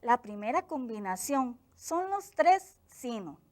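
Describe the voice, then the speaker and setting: A woman teacher from Costa Rica with a Costa Rican accent, giving a clear, explanatory grammar lesson for television. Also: on the high side, sing-song, a little mellow. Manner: slow, clear explanatory delivery.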